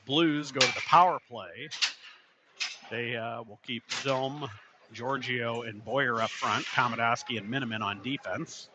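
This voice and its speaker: A man doing running play-by-play commentary for a youth hockey game, steady in tone and rising sharply on shots. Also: mid-range voice, unhurried. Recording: noisy arena ambience.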